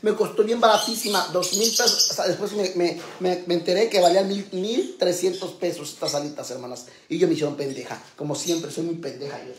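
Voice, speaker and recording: A man's voice: high voice, brisk, few pauses. A man chatting on a home livestream, campy and self-mocking, calling his viewers sisters. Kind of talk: casual livestream chat. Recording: echoey room, faint background noise.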